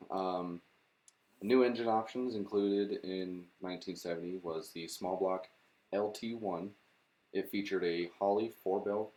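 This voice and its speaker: A young man co-hosting a podcast, chatting casually and reading out facts with lots of fillers and the odd swear. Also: sits low. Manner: laid-back, reads car facts with fillers and swearing. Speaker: podcast co-host. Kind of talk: casual chat.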